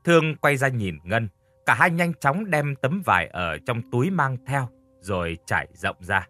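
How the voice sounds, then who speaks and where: A man narrating a spooky story in a scripted, expressive storytelling style. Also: medium pitch, measured pace, dry recording, soft background music. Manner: expressive, voices characters lightly.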